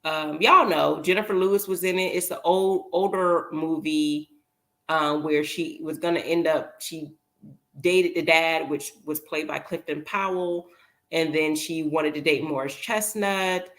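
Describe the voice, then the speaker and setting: A woman giving casual opinion commentary in an emphatic, rambling way, pausing to recall details. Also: deep voice. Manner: emphatic, rambling, with pauses to remember.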